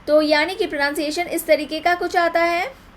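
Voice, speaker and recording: A young woman teaching English grammar in an online exam-prep lecture. She repeats words slowly to drill their pronunciation. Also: very high voice, steady tone, slight background noise.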